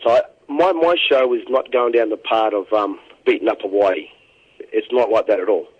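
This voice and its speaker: An Australian comedian answering interview questions earnestly, halting and repeating words as he thinks. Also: fairly low pitch, slightly rough, highs cut off.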